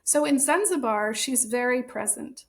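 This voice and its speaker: With a fairly high, unhurried voice and lively intonation, an American author and translator explains things during an interview. She's articulate and conversational and stresses points for emphasis.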